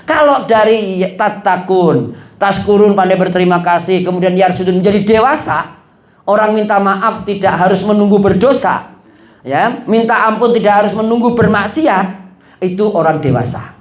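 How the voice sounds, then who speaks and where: A man preaching a religious study talk who poses questions to his audience and answers them himself, with joking asides. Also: high-pitched. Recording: echoey room.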